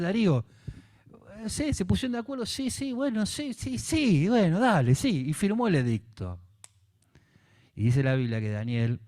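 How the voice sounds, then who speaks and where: Rioplatense man preaching animatedly. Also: medium pitch. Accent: Rioplatense Spanish. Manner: animated preaching, acting out biblical dialogue with voseo. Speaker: pastor. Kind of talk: sermon.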